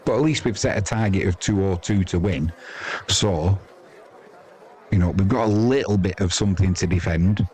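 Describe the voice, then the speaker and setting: His voice sits low and a little mellow, moving at a moderate pace. The English-accented host of a live sports stream gives rambling, friendly, improvised cricket commentary over background crowd noise.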